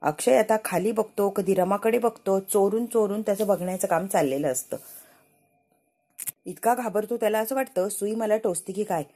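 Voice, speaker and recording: Mellow-voiced woman retelling a TV serial. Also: medium pitch, normal speed, breathy edge. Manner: chatty, lively retelling. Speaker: narrator. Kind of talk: casual TV serial recap.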